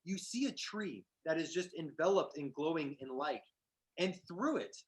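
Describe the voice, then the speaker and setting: A man's voice: a little high, animated, normal speed. A man narrating a tabletop game as game master, setting the scene in a casual, hesitant way.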